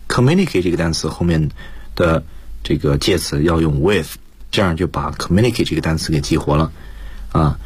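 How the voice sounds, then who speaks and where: A male guest lecturer, who is a school principal, explains English vocabulary and grammar on a radio lesson, slipping English terms into his Mandarin explanations. His voice sits low and sounds husky, and the recording is dry.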